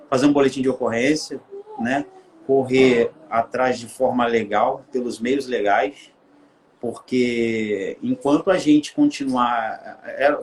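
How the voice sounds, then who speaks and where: A man's voice: medium pitch, a little hiss or hum. A man with a Brazilian Portuguese accent, a guest on a live-stream interview, speaking earnestly and building his points through repeated phrases.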